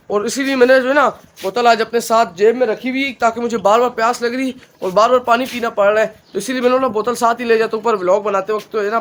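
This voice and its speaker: A man with a high-sitting voice chats casually into his phone camera outside with his pet hens, repeatedly addressing his friends watching and growing excited near the hen. There's a bit of background noise.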